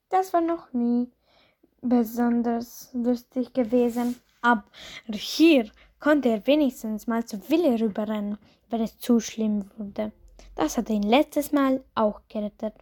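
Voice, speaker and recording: A woman's voice: a little high, a little mellow. Woman reading a storybook aloud. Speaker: narrator.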